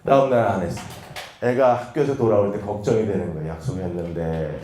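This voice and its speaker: A male pastor giving a church lecture, telling stories in a lively way and acting out the dialogue. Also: on the low side, quick pace, echoey room, a little hiss or hum. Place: church hall.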